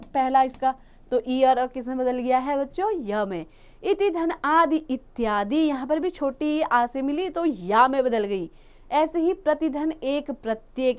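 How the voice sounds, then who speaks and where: A woman's voice: sits high, a little mellow, clean tone. A woman teaching a grammar lesson to children, explaining step by step and asking questions she answers herself. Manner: addresses children, often drawn-out words.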